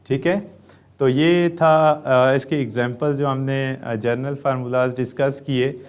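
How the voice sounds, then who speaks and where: A man with a Pakistani Urdu accent teaching a chemistry lesson, explaining step by step and answering his own questions, with frequent "uh" pauses. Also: medium pitch, steady tone, clear, resonant tone. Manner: often says "uh". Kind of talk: classroom lecture.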